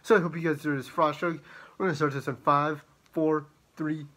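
A man's voice: fairly high pitch, fairly even intonation, quick pace, bright, forceful tone. A man reviewing drinks in a casual vlog, rambling and upbeat, repeating his sign-offs and sometimes out of breath. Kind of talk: casual vlog talk to camera.

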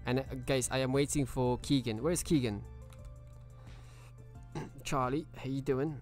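A man's voice: medium pitch, steady tone, unhurried, darkish tone, faint music behind. A man streaming a video game live, chatting casually and greeting viewers by name.

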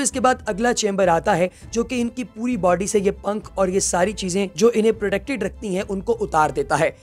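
A documentary narrator delivers a scripted, explanatory voice-over at a mid pitch. The narrator keeps turning to the audience as friends between steps. Soft music plays faintly underneath. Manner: addresses listeners as friends, explanatory. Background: faint background music.

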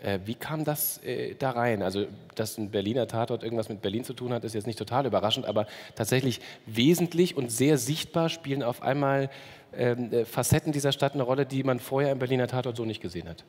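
A man's voice: medium pitch, fast, a little mellow. A man in his thirties moderating a panel, asking probing, wry questions on a convention stage. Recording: long hall reverb.

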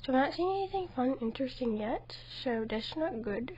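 High-voiced woman with a sore throat. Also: lively intonation, brisk, a little mellow, highs cut off, slight background noise. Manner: chatty, mild exclamations, talks to herself. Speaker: gameplay video host. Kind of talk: let's play commentary.

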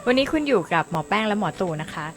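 A woman's voice: mid-range voice, expressive, racing. A woman doctor co-hosting a casual live chat, joking and laughing often while testing microphones in a music shop.

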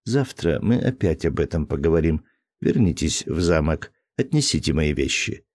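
A man's voice: rumbling low, sing-song, moderate pace, darkish tone, dry recording, full character voice. A man voicing a spirited young noblewoman in an audiobook, teasing in one scene and cold and firm in another. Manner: lightly mocking, then cold and firm.

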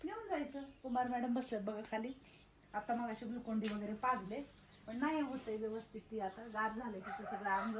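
A woman's voice: on the high side, a little fast, a little hiss or hum. Soothing woman in an echoey room. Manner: soothing, coaxing, repeats herself. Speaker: old age home caretaker. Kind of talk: casual reassuring talk to residents. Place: old age home, indoors, roomy.

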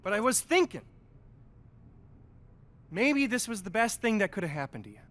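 Slick young game sports agent, very high for a man, animated, persuasive. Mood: urgent, reassuring. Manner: fast-talking, pep-talk persuasion. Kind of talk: video game cutscene acting.

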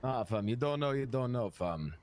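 A man's voice: medium pitch, lively intonation, moderate pace, a little mellow, lightly acted. A man playing a swaggering roadman with a laid-back manner, ending nearly every phrase with "fam". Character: swaggering London roadman man claiming to be Tommy T.

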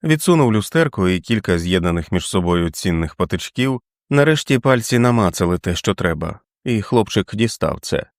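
Low-voiced male audiobook reader. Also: no room sound, clean studio sound. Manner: steady, measured reading. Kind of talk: scripted narration.

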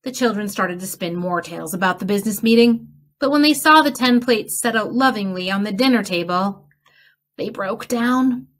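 A woman librarian reading a picture book aloud, slow and expressive. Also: medium pitch. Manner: slow expressive storytelling with character voices. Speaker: children's librarian.

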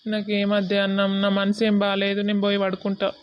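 A woman's voice: medium pitch, monotone, quick pace, no echo, lightly acted. A woman voicing an earnest young village man in love. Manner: earnest, placating. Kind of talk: cartoon voice acting. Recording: dull lo-fi audio.

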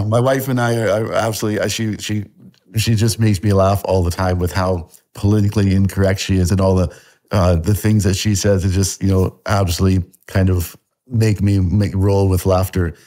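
A Canadian man in his fifties, his accent lightly tinged with Scottish, chats as a guest artist in a casual interview over a video call webcam from a desk at home. His voice is on the low side and darkish, steady at a moderate pace. He rambles, full of fillers and restarts, and laughs often.

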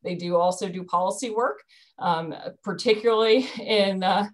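Calling in by video from her bedroom at home, this dairy program staff member in her thirties earnestly walks through the program, often stopping to say um or start over. She speaks at normal speed in a medium-pitched voice, picked up by her webcam.

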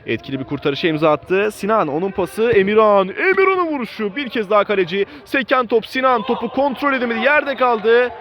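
Screaming, excited male football commentator. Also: sits high, a little fast, hardly any pauses. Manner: excited, screaming at shots and goals. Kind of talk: live amateur football match commentary.

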